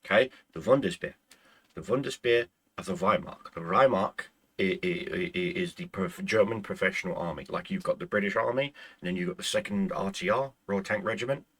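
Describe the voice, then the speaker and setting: A deep, brisk male voice with a fairly bright tone and a breathy edge. He's an Irish-native speaker hosting a gaming channel, chatting with viewers in a loose, rambling way and stumbling over restarts because he's losing his voice.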